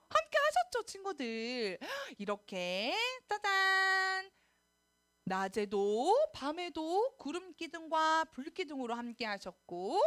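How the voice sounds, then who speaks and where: A woman, a children's pastor, telling a Bible story in a sermon for little children, animated and asking them questions. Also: extremely high pitch. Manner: animated, sing-song, asks the children questions.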